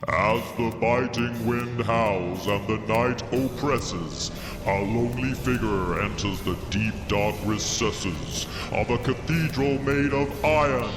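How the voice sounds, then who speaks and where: A man intones a mock-epic tale at a slow, grandiose crawl. His voice rings out with long reverb in an echoey space. Loud metal music plays underneath. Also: medium pitch. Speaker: podcast intro narrator. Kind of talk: dramatic mock-epic narration.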